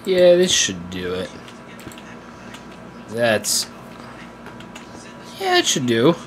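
A man's voice: medium pitch, wildly swooping pitch, drawn-out words, slight background noise. A young man streaming a game, chatting casually in a rambling, laid-back way and laughing easily. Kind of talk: casual gaming stream chat.

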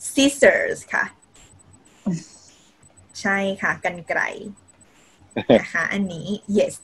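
A woman's voice: medium pitch, lively intonation, very slow, fairly bright tone, breathy edge, poor audio. A woman teaching Thai in a video-call lesson, mixing simple English with Thai and adding polite particles often. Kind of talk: online language lesson.

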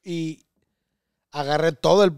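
High voiced guy on a comedy podcast, deadpan one-liners, spanish and english, dry close sound. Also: measured pace, clean tone, dry recording. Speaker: comedian co-host. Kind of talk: casual podcast chat.

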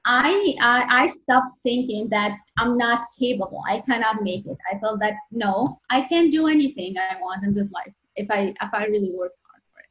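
On a dull lo-fi recording, a medical resident in her thirties from Egypt responds to interview questions in earnest, halting speech full of restarts. Her voice is fairly high, and she has an Egyptian accent, her first language being Arabic.

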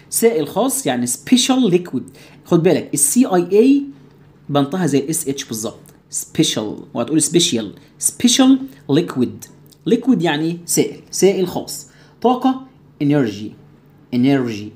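A man with an Egyptian Arabic accent teaching an English lesson, asking himself students' questions and answering them, repeating each English word slowly to drill its sound. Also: a little high, warm tone. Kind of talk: recorded classroom lesson.

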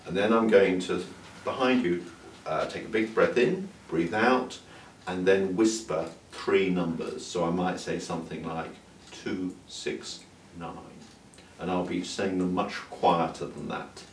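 A little slow in delivery, the deep-voiced older male doctor patiently explains as he demonstrates an exam, calm with small restarts. This clinical teaching demonstration takes place in a clinic examination room, heard through a far camera mic with roomy, distant sound and faint hiss.

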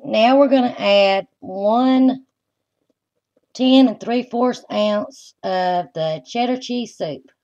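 A home cooking show host works at the stove in her home kitchen, giving plain, folksy step-by-step instructions. Her voice is on the high side, a little mellow, and slow. The lo-fi camera audio sounds dull, with kitchen noise around her.

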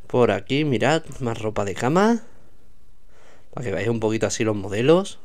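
This vlogger has a lowish, slightly mellow voice and sounds very animated, keeping a moderate pace. Strolling through a supermarket aisle, he chats away and points out items for his viewers in casual walkthrough narration.

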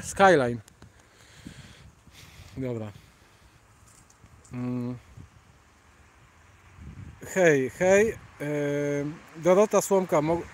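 A man's voice: sits high, a little hiss or hum. A man with a Polish accent hosting a casual livestream on a night walk along a city sidewalk, rambling and reading out viewers' chat names as he greets them. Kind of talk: casual live chat while walking.

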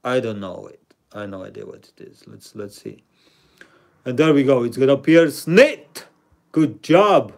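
A Latvian man hosts a live stream from a room at home, playfully chatting with viewers while playing a word game and reading out chat names and rankings. He's self-mocking, with a medium-pitched, expressive voice, vocal fry, and normal speed.

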